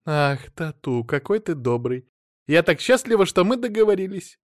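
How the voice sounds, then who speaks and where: A man's voice: on the high side, sing-song, normal speed, no echo, studio quality, pitched above the performer's own voice. A man voicing a silly, childish, vain young wife in a pouty, wheedling voice.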